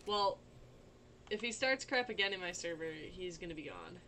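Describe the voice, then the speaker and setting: A woman's voice: fairly low pitch, animated, moderate pace, bright, forceful tone, slight background noise. A woman giving brief, distracted replies while playing a game on a casual stream. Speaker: game server admin and co-streamer. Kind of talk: casual gaming stream chat.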